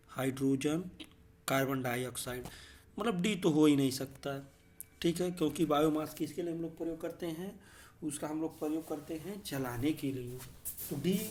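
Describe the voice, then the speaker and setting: A man, teaching an exam-prep lesson and explaining each question step by step, often checking in with his listeners. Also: a little high. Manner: explains step by step, repeats "theek hai" often; reads English questions slowly, then explains in Hindi.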